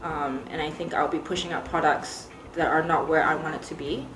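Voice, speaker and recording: A woman's voice: deep voice, steady tone, brisk, noisy background. A young woman from Singapore with an American accent, a baker answering interview questions in a chatty way with lots of ums. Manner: chatty, laughs easily, many ums. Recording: echoey room with music behind.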